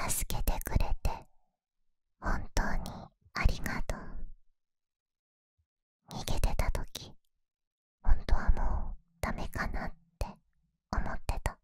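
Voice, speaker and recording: A woman voicing a shy, affectionate young animal-eared girl in a whispered role-play, soft breathy bedtime pillow talk close to the microphone. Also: no echo, close to an everyday voice. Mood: relieved, grateful. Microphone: close, dry microphone.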